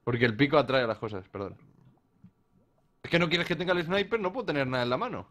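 A man's voice: fairly high pitch, expressive, fast, fairly bright tone. A man playing a game with friends, teasing and playful in casual chat. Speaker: co-player.

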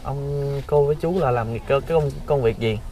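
Man, polite brief questions, quick pace, faint background noise. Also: mid-range voice, warm tone. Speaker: host interviewer. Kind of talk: casual interview.

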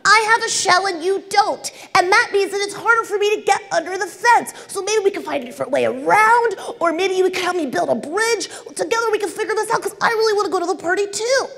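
Woman doing a squeaky, sweet-voiced snail. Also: lively intonation, fast, creaky, few pauses, a bit bright, exaggerated voice. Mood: pleading. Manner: high, sweet, pleading voice. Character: earnest, squeaky-voiced female snail with a shell. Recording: long reverb of a conference hall.

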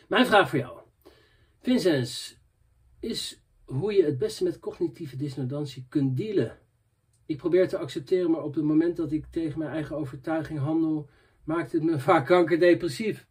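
A man's voice: fairly high pitch, darkish tone, slightly rough. A young man vlogging and answering viewer messages in loose, rambling casual chat, often dropping filler tags.

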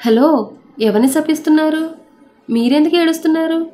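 A woman's voice: sits high, normal speed, warm tone, faint music behind, pitched above the performer's own voice, close to an everyday voice. A woman storyteller voicing a rich, arrogant young man who teases, then makes blunt proposals. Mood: brisk.

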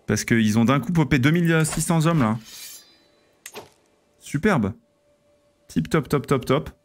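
A man streaming a strategy-game role-play, talking through his moves in an excitable, exclamatory way. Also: fairly high pitch, measured pace. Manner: excitable, exclamatory, thinks aloud.

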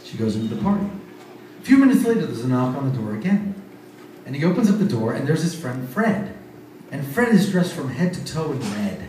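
Man on stage telling a joke in a live bar, lively pitch, echoey room, mic at a distance. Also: a little fast, a little hiss or hum. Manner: animated, conversational, acts out each voice. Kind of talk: live stand-up storytelling. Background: faint bar ambience.

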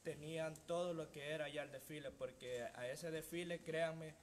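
A man's voice: fairly high pitch, steady tone, moderate pace, slight background noise. A young man with a Salvadoran accent, representing a band delegation, explaining events with frequent fillers. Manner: explanatory, many fillers like "este" and "eh". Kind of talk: public statement.

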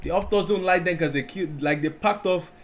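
A young man with a high voice hosts a reaction video, talking a little fast with excited exclamations as he puzzles aloud over rap lyrics. He's in a small bedroom lit pink and red, with a faint rap track playing behind him. The recording carries a slight hiss or hum.

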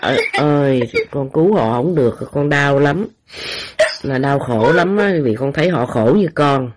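Older woman, spiritual medium, gentle coaxing voice, soothing prayer talk, echoes back what she hears. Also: a bass voice, expressive, moderate pace, slight background noise. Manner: gentle, repeats the child's words back, coaxing. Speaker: spiritual medium praying for the dead.

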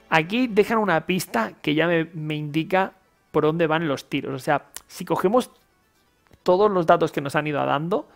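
A man with a Castilian Spanish accent commentates a game in a colloquial, informal way, thinking aloud as he goes. His voice sits a little high with plenty of fry, and game music plays faintly behind it. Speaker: video game player and commentator. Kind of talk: casual gameplay commentary.

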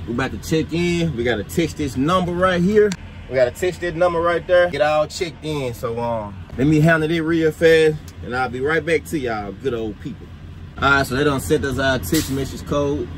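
Man, thirties, casual trucker vlog, slangy and repetitive, headset mic, vehicle noise around. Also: medium pitch. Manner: laid-back, slangy, repeats himself. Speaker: truck driver vlogger. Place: outdoors at a truck yard and inside a truck cab.

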